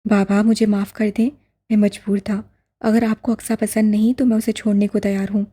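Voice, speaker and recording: A woman's voice: medium pitch, flat delivery, normal speed, warm tone, natural voice. A woman voicing a grown son pleading with his father in a tearful tone.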